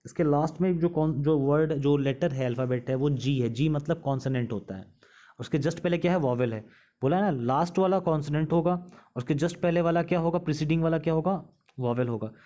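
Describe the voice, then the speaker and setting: A male teacher explaining English grammar rules in Hindi, reading the English rules out slowly and asking his students questions as he explains. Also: on the high side, dark tone.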